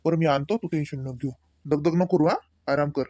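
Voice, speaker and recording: A woman's voice: deep voice, fairly quick, warm tone, no echo, studio quality, pitched below the performer's own voice. A woman playing a caring, easygoing uncle who reassures and teases in a comedy sketch. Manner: reassuring, teasing. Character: caring middle-aged uncle, teasing and easygoing.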